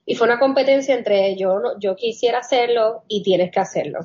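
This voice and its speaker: A woman from telling a personal story in a casual chat, animated, laughing often and mixing in English phrases. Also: a little high, fairly quick. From Puerto Rico. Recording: dull lo-fi audio.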